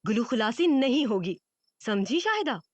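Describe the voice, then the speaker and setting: A woman's voice: a little high, sing-song, moderate pace, dry recording, lo-fi sound. A woman playing a teasing young friend. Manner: teasing, giggly.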